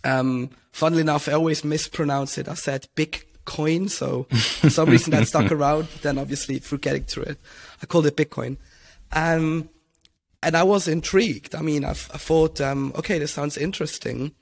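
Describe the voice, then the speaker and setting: A young man from Switzerland tells his story in a relaxed podcast interview, circling back with ums and restarts. His voice sits a touch high with a gravelly, creaky texture. He speaks into a headset mic from a room at home. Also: normal speed. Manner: rambling, many ums and restarts. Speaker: podcast guest. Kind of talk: casual interview talk.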